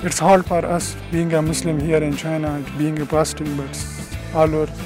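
A man's voice: on the high side, level tone, normal speed, over music. A man answering a street interview outdoors in short, plain sentences. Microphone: handheld shotgun mic held by interviewer.

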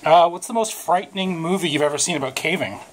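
A man's voice: a little high, fast talker, loud music behind the voice. A man on a cave tour, chatting playfully and teasing the others. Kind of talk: casual chat.

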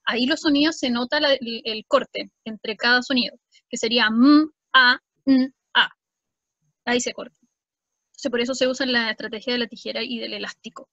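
Chilean woman teacher, lively, slightly high, dry dull line. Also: dry recording. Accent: Chilean Spanish. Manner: lively, speeds up and stretches sounds. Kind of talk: explaining a reading strategy.

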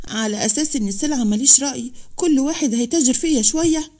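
A woman's voice: high-pitched, very fast. A woman voicing a proud, defiant young orphan woman, with an Egyptian accent, in a narrated story. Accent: Egyptian Arabic. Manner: defiant and sharp-tongued.

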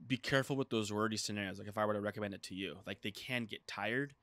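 A chatty podcast co-host with a deep-ish voice rambles fast through casual talk, heavy on "like" fillers and animated retellings. He speaks into a boom-arm desk mic in a small, dry studio with a dark curtain backdrop and no room sound.

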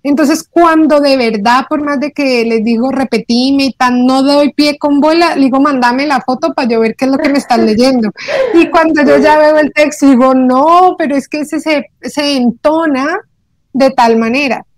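High-voiced woman teaching with energy. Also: moderate pace, no echo. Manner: explains in an animated teaching tone, acts out student speech. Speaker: Korean teacher and host. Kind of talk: casual panel chat.

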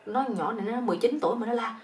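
A woman with a Southern Vietnamese accent telling a comic story in a rapid, chatty, colloquial way. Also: on the high side, far from the mic.

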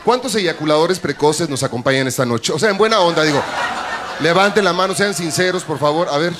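A man's voice: lively intonation, a little fast. Brash Mexican man doing stand-up. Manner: brash, bawdy, jumps into shrill high-pitched voices for punchlines. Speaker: stand-up comedian. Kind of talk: stand-up comedy routine. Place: comedy club stage. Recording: live stage with audience crowd and noise.

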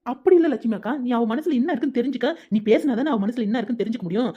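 A woman's voice: a little high, expressive, very fast, husky. A woman voicing a blunt cartoon village woman, muffled. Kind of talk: cartoon voice acting.

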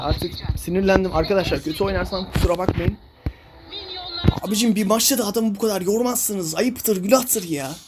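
A man's voice: high voice, a little hiss or hum. A young man giving casual commentary while playing a mobile game, ranting in exasperation at his teammates.

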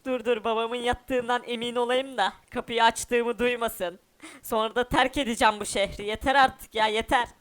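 Casting: man doing a whiny runaway boy in a cartoon game parody, high-pitched and sulky. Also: steady tone, normal speed, a bit bright, clean tone. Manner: whiny, sulking, talks to viewers.

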